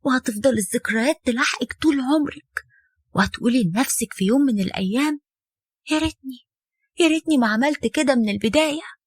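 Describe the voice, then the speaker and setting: A woman's voice: on the high side, dry recording, clean studio sound. A woman voicing a stern, weary mother-in-law who lectures her son's young wife, in Egyptian Arabic. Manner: firm, lecturing, bitter.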